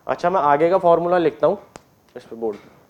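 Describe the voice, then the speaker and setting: High-voiced man teaching keyboard. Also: animated, fast talker, muffled recording. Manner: patient step-by-step explaining with frequent checks; clears throat often. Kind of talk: online music class. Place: indoors with keyboard and board.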